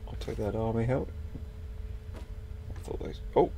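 A man's voice: medium pitch, expressive, moderate pace, vocal fry, mellow, slight background noise. A young man chatting casually through a let's-play, swearing mildly and talking to the game's characters. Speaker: gaming video host.

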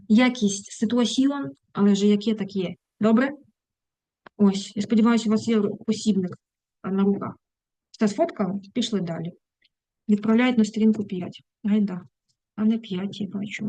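A woman's voice: mid-range voice, darkish tone, dry recording. A woman English teacher giving a casual online lesson, chatty, breaking off mid-thought and turning to her students with fond asides. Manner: chatty, self-interrupting, affectionate asides.

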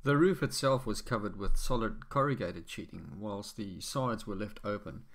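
A man narrating a home boatbuilding project as an instructional voice-over, explaining steps in a measured, practical way. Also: fairly low pitch, fairly bright tone. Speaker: amateur boatbuilder.

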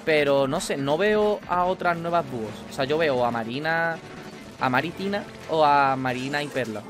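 A young man with a Spanish accent from Spain, chatting casually while playing a video game, excitable and swearing at the game. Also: fairly high pitch, normal speed. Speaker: gaming YouTuber. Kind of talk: casual gameplay commentary. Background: video game music.

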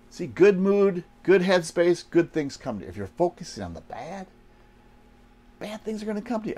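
A man, giving a folksy motivational talk to camera inside a small RV trailer. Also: a little high. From Wisconsin, United States. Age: 60s. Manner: folksy, asks and answers rhetorical questions. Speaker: online business coach.

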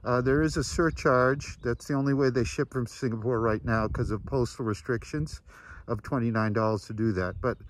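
A man giving a casual, chatty product review through a face mask, often pausing on fillers. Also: mid-range voice, a little hiss or hum, poor audio. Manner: relaxed, chatty, halting with fillers. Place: outdoors at high altitude.

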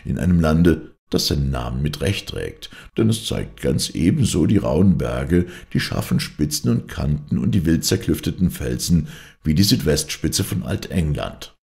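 Reading aloud from a classic adventure novel, this audiobook narrator speaks in a very deep, gravelly voice. His delivery stays even and measured throughout.

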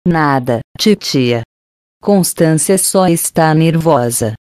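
A woman narrator plays a brave, kind young woman from an audiobook, firm and calm. Her tone is deep and mellow, with a dry close sound. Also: slow, no room sound.

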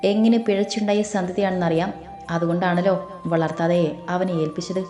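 A woman's voice: on the low side, fairly even intonation, fairly quick, mellow, reverberant, faint music behind, lightly acted. A woman voicing a scornful, greedy middle-aged uncle who insults his niece, in an audio story. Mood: sly. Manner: sneering, insulting.

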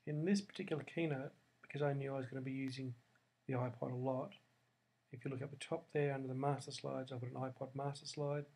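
Guy narrating a screen tutorial, kinda gravelly, casual step by step explaining. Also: mid-range voice, a little mellow. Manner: plain step-by-step explaining, thinking aloud.

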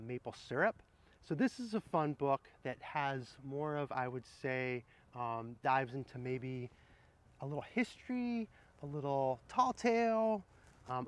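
Outdoors in an arboretum garden, beneath the trees, a middle-aged man who works as a horticulturist shares children's picture books. He reads them aloud, recommends books casually, and explains gently while addressing viewers directly, his voice a little high.

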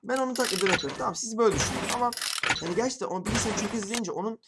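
A young man giving casual, rambling gameplay commentary to his viewers, talking very fast. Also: sits high. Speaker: gaming YouTuber. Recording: loud background noise.

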